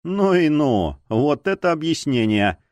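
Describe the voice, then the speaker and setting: Mocking and sharp-tongued, this grumpy older policewoman and former chief is performed by a male narrator, full of dry sarcasm as she scolds. Her nagging is low and drawn out, very animated, captured in a close, dry audiobook recording without echo.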